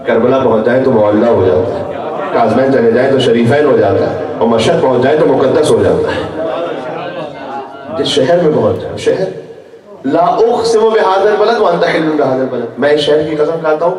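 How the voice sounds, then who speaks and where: A man's voice: medium pitch, crowd noise. A male guest preacher delivering a religious sermon at a gathering, weaving chanted quotations into his explanations. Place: large hall at a religious gathering. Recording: echoey hall picked up from far off.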